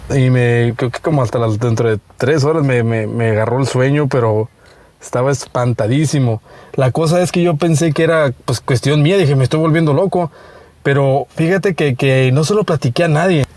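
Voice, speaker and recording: A man in his thirties with a Mexican accent, telling a personal story in a casual, halting way with many restarts. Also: mid-range voice, a little mellow, dry recording. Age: 30s. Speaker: listener sharing a story.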